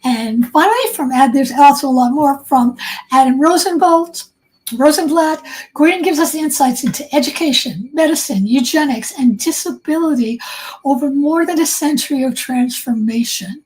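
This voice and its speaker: A woman's voice: high voice, moderate pace, a little mellow, poor audio. A woman hosting a book talk interview, speaking in an effusive, enthusiastic way. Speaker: host interviewing an author.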